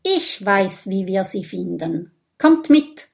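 A woman's voice: mid-range voice, sing-song, slow, vocal fry, full character voice. A woman voicing a curious, clever little boy dragon in an audiobook. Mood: confident. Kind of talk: audiobook character voice.

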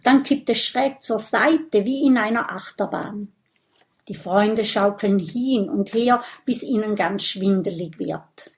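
Slow-reading woman storybook narrator. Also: mid-range voice. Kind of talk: children's audiobook reading.

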